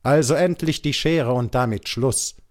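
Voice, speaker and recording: A man's voice: fairly low pitch, unhurried, a little mellow, close to an everyday voice. A man playing a cheerful, scornful caravan leader who speaks with a raised voice. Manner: hearty, scornful.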